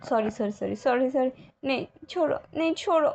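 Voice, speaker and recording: A woman's voice: sits high, animated, fairly quick, gravelly, darkish tone, dull audio. A woman voicing a doting young husband who apologizes and coaxes in an anxious, soothing way. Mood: apologetic.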